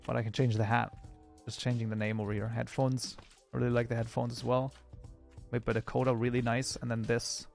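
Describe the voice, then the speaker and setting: A man streaming his game modding live, chatting casually and reacting to chat in an excitable, rambling way. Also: mid-range voice, fairly quick, vocal fry, soft background music.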